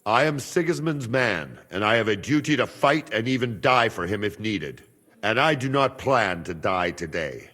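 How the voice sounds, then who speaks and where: A wary guard. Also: male voice, fairly low pitch. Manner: calm, measured, quietly threatening. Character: wary Hungarian guard of a king, middle-aged man.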